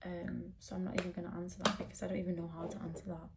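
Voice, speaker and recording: A young beauty vlogger with a lowish, flat voice talks very fast while doing her makeup at home, rambling candidly with plenty of fillers. Heavy background noise fills the recording.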